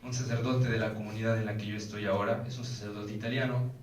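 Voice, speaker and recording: A man's voice: fairly low pitch, level tone, fast talker, a little hiss or hum. Mexican man telling his testimony. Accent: Mexican Spanish. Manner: intense storytelling, acts out quoted voices. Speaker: testimony speaker. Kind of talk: personal faith testimony. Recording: roomy, distant mic, faint ambience.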